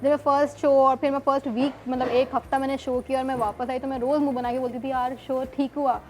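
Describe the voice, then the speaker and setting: A woman from Pakistan, a news anchor guest, recounting stories with quick restarts. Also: sits high, little pitch movement, darkish tone. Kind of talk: casual chat.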